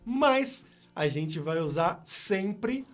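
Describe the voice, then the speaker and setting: A man hosting a casual video lesson for learners, explaining slowly and clearly with examples spelled out. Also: high voice, very animated, soft background music. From Brazil. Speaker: Portuguese teacher and channel host.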